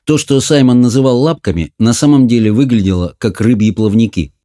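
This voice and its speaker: Man reading an audiobook in a mellow voice. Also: mid-range voice, brisk. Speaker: audiobook narrator. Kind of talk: scripted narration.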